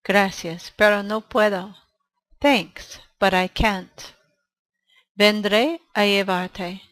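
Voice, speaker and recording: A woman gives a bilingual language lesson at a very slow, deliberate pace, pausing after each phrase. Her voice sits at a middle pitch, and she reads each line carefully. is her tongue. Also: fairly even intonation, a bit bright, dry recording, rough recording. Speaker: English teacher.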